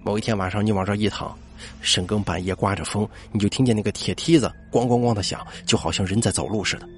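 A man hosting a late-night podcast, telling listener-submitted ghost stories and dropping his voice low for the eerie moments. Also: quick pace, slight background noise. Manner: lively storyteller voice, drops low for eerie moments. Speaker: podcast host.

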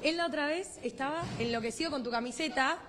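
A woman reporter with a Rioplatense accent coaxes her interviewee playfully in a high voice. A loud crowd fills the background. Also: fast talker. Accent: Rioplatense Spanish. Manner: playful, coaxing. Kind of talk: field interview.

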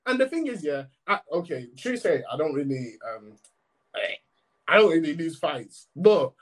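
This young man has a fairly high-pitched voice and talks at a moderate pace. In a casual group chat, he tells slangy, animated stories peppered with frequent swearing.

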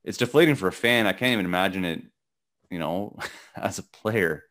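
A middle-aged man with a gravelly morning voice and a fairly low pitch, chatting as the co-host of a sports podcast. He rambles and halts, restarting sentences and filling the gaps with ums and uhs. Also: a bit bright. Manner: rambling, halting with many restarts and fillers. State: voice cracking. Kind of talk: casual sports podcast chat.

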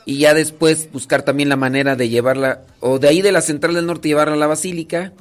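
A Mexican priest with a rural central Mexican accent chats on the radio in a rambling, joking way. He fills his talk with "pues" and asides, in a fairly high voice. Faint music plays behind him. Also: fairly even intonation, a little fast. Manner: rambling, joking, many fillers. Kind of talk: casual radio talk, storytelling. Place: retreat house.

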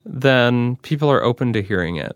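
A man's voice: mid-range voice, animated, normal speed, smooth, no room sound, dull audio. An American man from near Cleveland, a singer answering interview questions in a direct, earnest, explanatory way. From near Cleveland, United States. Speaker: professional singer, interview guest.

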